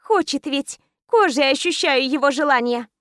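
A woman's voice: high-pitched, normal speed, a bit bright, no echo, clean studio sound. A woman narrating a first-person romance audiobook in intense, clipped short phrases.

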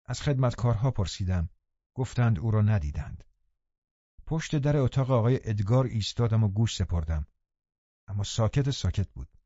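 Low mellow male audiobook narrator. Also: no room sound. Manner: calm, measured storytelling. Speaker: audiobook reader. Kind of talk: scripted narration. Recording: dull lo-fi dry recording.

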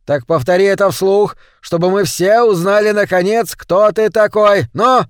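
A man's voice: high-pitched, moderate pace, smooth, no echo, clean studio sound, pitched above the performer's own voice, natural voice. A man playing a cruel, short bullying master who barks and sneers at his servant. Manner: barking, sneering and mocking.

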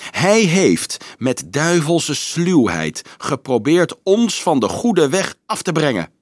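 A man voicing a scornful older monk who accuses in a sneering, drawn-out tone, as read from a storybook. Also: medium pitch, lively intonation, no echo, close to an everyday voice.

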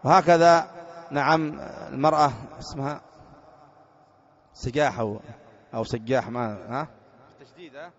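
A religious teacher from Yemen delivers a lecture, his voice sitting a bit high for a man. He keeps turning to his listeners with rhetorical questions and then answers them himself. The recording is dull and lo-fi. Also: fairly quick, long pauses. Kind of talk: explaining a creed text in a lecture.

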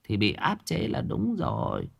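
Man doing an old granny voice, low and quiet, slow and wise, ghost story. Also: wildly swooping pitch, gravelly, slightly rough, heavily acted. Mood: knowing. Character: calm, knowing old village grandmother.

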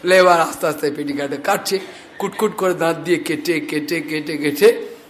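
A man with a high voice preaching a devotional story. He narrates with lively voices and slows down to chant scripture verses.

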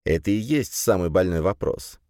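A man voicing a calm, enigmatic police commissioner who speaks softly and unhurriedly. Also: low-pitched, moderate pace, no echo, studio quality.

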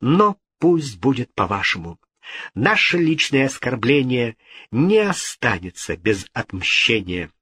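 A man's voice: mid-range voice, sing-song, slow pace, sharp tone, husky, dry recording, full character voice. A male reader voicing a vengeful royal woman who threatens in a rising fury. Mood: cruel. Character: vengeful, furious royal woman, queen's sister.

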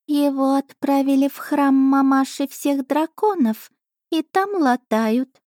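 A spoiled, gluttonous female cat familiar from a fantasy audiobook, performed by a woman narrator. She talks high and slow, drawling each phrase with offended self-importance. The recording is dry and close. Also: a little mellow, dry recording. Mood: indignant. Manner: indignant, drawn-out and self-important.

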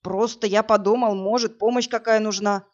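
A woman voicing a loud burly slangy guy. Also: mid-range voice, steady tone, normal speed, lightly acted. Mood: concerned. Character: burly brash young man, rough but kind. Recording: dull lo-fi audiobook recording.

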